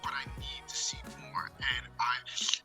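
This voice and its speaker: A man's voice: mid-range voice, monotone, a little slow. Brief: blunt, opinionated man on a glitchy remote line, walkie-talkie-like distortion, faint music behind. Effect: distorted audio like a walkie-talkie. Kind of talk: casual chat.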